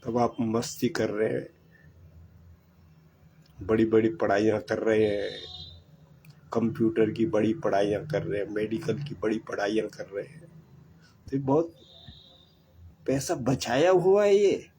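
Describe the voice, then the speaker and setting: A man's voice: on the low side, unhurried, long pauses, warm tone, a little hiss or hum, poor audio. An older man giving earnest, repetitive advice about saving money. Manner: preachy, repetitive, exhorting. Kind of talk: earnest monologue.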